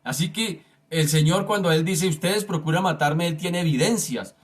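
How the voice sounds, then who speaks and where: A man's voice: a little high, normal speed. A man preaching a sermon, reading scripture aloud and speaking emphatically and directly to his listeners.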